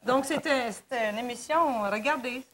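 A chatty woman with a Canadian French accent, talking as a guest on a local show. Her voice sits a little high, and she laughs often and fills pauses with plenty of little fillers. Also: fairly bright tone, rough recording. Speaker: guest singer. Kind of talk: casual chat.

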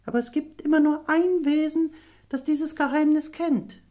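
High voice, dark tone, sorrowful young mermaid princess, gentle, storybook reading. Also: male voice, fairly even intonation. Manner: soft, high storytelling voice with slow, drawn-out phrases. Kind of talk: audiobook character voice.

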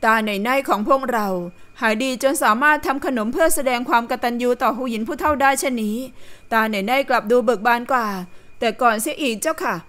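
A woman voicing a clever young maidservant in an audio novel, polite and flattering. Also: on the high side, fast talker, lightly acted.

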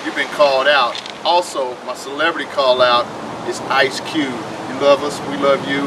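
A man making a challenge video address to camera, announcing in measured short phrases. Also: medium pitch, fairly even intonation. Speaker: costumed sports fan character taking a challenge. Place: outdoor backyard wooden deck. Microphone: camera a few metres away. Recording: distant camera mic, noisy outdoor sound.

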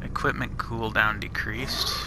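A man with a lowish, unhurried voice gives relaxed let's-play commentary on a custom shooter map, with music playing behind him. He mutters easygoing reactions to each thing he finds as he goes.

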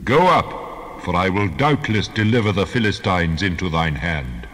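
A deep divine male voice, played by an actor, swelling and falling in long reverb. It is majestic, solemn and commanding, made for a Bible drama. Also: animated, a little slow, fairly bright tone. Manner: authoritative, solemn.

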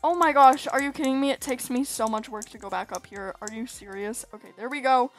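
Woman, high voice, gaming commentary, chatty, exasperated exclamations, desk mic. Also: a little fast. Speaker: gaming YouTuber. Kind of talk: casual gameplay commentary.

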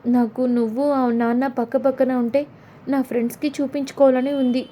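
A woman's voice: sits high, level tone, brisk, warm tone, a little hiss or hum, lightly acted. A woman voicing a stubborn young wife and mother in a retold serial, speaking in a defiant, scolding way.

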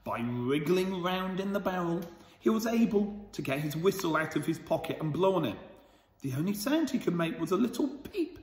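Storyteller, gentle and chatty with children; somewhat high voice; roomy sound with a long reverb. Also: male voice, very animated, moderate pace, slight background noise. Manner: gentle, chatty, asks the listeners questions. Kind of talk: reading a picture book aloud to children.

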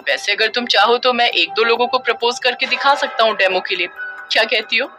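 A woman's voice: on the high side, a little fast, music in the background, natural voice. Woman playing a teasing young man.

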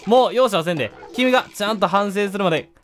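A man's voice: high voice, lively intonation, fast, faint music behind, voice pushed up. A man voicing a grumpy, short-tempered male mole, scolding the player in a Kansai dialect while reading game dialogue aloud. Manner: gruff, scolding, exasperated lecturing.

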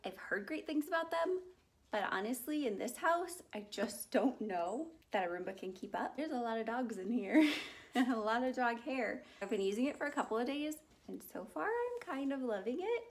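Give me a chatty young woman filming a home vlog at arm's length, a little high-pitched. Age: young adult. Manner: chatty, upbeat, talks to her animals. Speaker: vlogger and pet sitter. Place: home, indoors. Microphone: handheld camera at arm's length.

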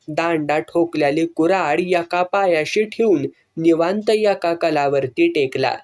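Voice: medium pitch, darkish tone. A narrator reading a serialized novel aloud in a rural storytelling manner. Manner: slow, storytelling in rural dialect.

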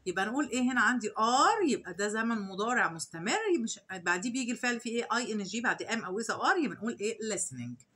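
A woman with an Egyptian Arabic accent, an English teacher, walking through exercise answers. She reads each English sentence slowly, then explains it in Arabic with questions to the students. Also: a little high, lively intonation, bright, forceful tone. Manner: asks rhetorical questions to the students. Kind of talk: exam answer walkthrough lesson.

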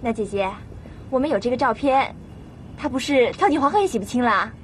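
A woman's voice: on the high side, expressive, fairly quick, a little hiss or hum, close to an everyday voice. An actress playing an eager, fawning young female sidekick in a TV drama.

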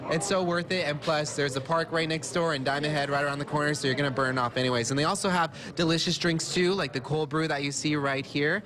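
A man's voice: on the high side, steady tone, quick pace, hardly any pauses, crowd noise. Upbeat young male TV reporter. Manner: upbeat, chatty. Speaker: field reporter. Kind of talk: live TV food segment. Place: indoor cafe dining room. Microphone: handheld mic. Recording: diners chattering behind.

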